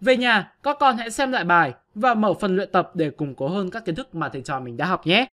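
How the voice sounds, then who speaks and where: A man's voice: high-pitched, animated, fairly quick, a bit bright. A male teacher giving an online grammar lesson, patiently explaining step by step to his pupils.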